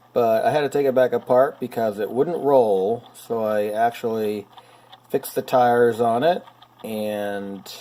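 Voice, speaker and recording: A middle-aged man talks in a relaxed, conversational way with an ordinary mid-range voice. He pokes fun at his own mistakes with dry, wry humor as he shows his projects in a home workshop. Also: mid-range voice. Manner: chatty, self-deprecating, wry. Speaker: hobbyist channel host. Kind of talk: casual workshop vlog.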